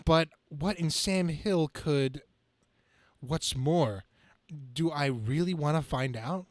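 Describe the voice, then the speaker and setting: A man's voice: a little high, takes it slowly, no echo. A man reading the part of Spider-Man, a brash, quippy young superhero, in an amateur comic-book reading, stumbling over the script now and then. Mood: flippant, wisecracking.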